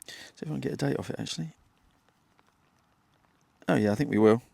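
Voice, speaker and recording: A man's voice: mid-range voice, brisk, creaky, dark tone, breathy edge, no echo. A British man in his fifties chatting casually to viewers in an understated way, as a metal detecting vlogger out in an open field. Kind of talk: casual outdoor vlog narration. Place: outdoors in an open grassy field.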